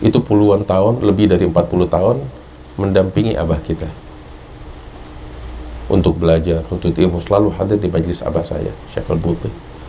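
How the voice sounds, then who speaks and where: An Indonesian-accented man preaches at a religious study class, with a mellow, relaxed tone and a lowish voice. He tells stories and climbs to emphatic high points. A faint hiss of background noise sits under the recording. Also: moderate pace, long pauses, highs cut off. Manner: storytelling, rising to emphatic peaks. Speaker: religious teacher. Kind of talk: Islamic study sermon.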